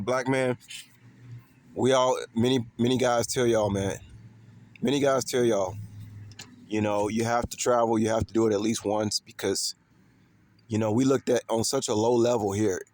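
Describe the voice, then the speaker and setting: A Chicago vlogger speaks at a moderate pace with long pauses, his voice on the low side and darkish. His casual monologue to viewers is emphatic and repetitive, sprinkled with street slang and cursing.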